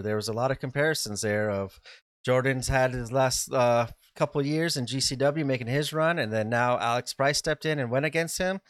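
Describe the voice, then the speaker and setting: A man's voice: medium pitch, a bit bright, no room sound. A man co-hosting a podcast, talking casually with frequent fillers and restarts. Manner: rambling, many fillers and restarts. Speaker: podcast co-host. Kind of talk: casual chat.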